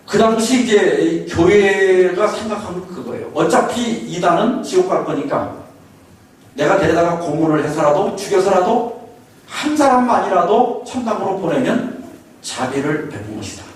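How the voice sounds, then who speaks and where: A man's voice: sits high, big pitch swings, unhurried. A man from Korea's Chungcheong region preaching a sermon, telling folksy stories and often chuckling. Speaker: pastor. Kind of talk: sermon lecture. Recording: echoey hall, far from mic, faint hiss.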